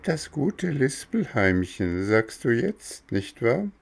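A man's voice: medium pitch, big pitch swings, takes it slowly, creaky, husky, voice pushed up, heavily acted. A man voicing a wise, stern little talking cricket in a storybook reading, with a lecturing, reproachful manner. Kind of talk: storybook narration.

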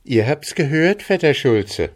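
A man reading aloud, voicing a bold, lively young farm girl with a pert, eager manner. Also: on the high side, unhurried, voice pushed up.

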